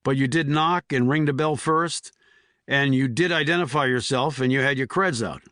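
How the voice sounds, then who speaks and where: A man's voice: mid-range voice, moderate pace, fairly bright tone, no echo, clean studio sound, lightly acted. A man voicing a terse, controlled male army investigator in an audiobook.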